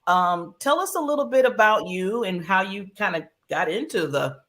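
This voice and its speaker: A woman's voice: mid-range voice, animated, normal speed. A woman hosting an interview over a video call, laughing easily and poking fun at herself. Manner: warm-hearted, laughing, self-deprecating. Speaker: show host. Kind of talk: casual interview talk.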